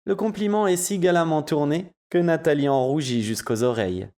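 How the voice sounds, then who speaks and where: A man narrating an audiobook in a measured storytelling manner. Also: a little high, darkish tone.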